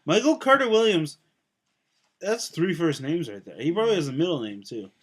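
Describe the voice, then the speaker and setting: A man's voice: a little high, very animated. A young man chatting about sports with friends on a casual show. He hedges a lot, trails off and restarts, and laughs through his points. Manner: halting, hedging, laughs often. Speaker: sports talk show co-host.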